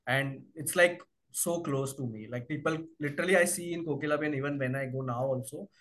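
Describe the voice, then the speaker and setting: A man's voice: mid-range voice, fairly quick, fairly bright tone. A man with an Indian accent chatting candidly and casually as a podcast guest, switching between two languages in informal, slangy speech with some swearing. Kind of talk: candid casual conversation mixing Hindi and English.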